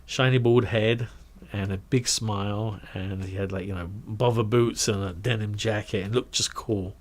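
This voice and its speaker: Brief: middle-aged Englishman, lowish voice, chatty storyteller who acts out the voices he quotes. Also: moderate pace. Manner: animated, acts out quoted voices, trails off into asides. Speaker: guest recounting his career. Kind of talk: casual anecdotal storytelling.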